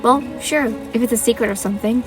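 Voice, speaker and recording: A folksy, cheerful squirrel girl from a storybook reading, put on by a woman in a high, bright voice. She sounds reassuring and homespun. Steady music plays behind her. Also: quick pace, recorded from a distance, close to an everyday voice. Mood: warm, folksy.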